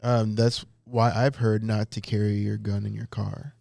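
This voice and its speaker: Gravelly man in casual podcast chat. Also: on the low side, little pitch movement, normal speed, a little mellow, no room sound, clean studio sound. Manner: short joking interjections. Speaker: podcast guest.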